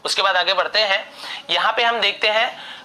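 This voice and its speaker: A man's voice: high-pitched, fairly even intonation, normal speed, sharp tone, slight background noise. A young man teaching a grammar lesson, patiently repeating example sentences aloud.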